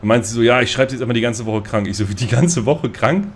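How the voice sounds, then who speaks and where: A man's voice: mid-range voice, fast, a little hiss or hum. Rambling self-mocking man. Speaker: gamer on a multiplayer voice chat. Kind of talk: casual storytelling chat.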